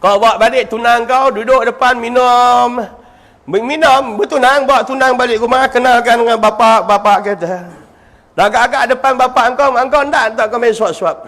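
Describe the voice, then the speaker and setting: A middle-aged man giving a humorous religious lecture, acting out scenes with mimicry and sound effects and bursting into shouts for emphasis. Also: extremely high pitch, moderate pace. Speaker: religious teacher.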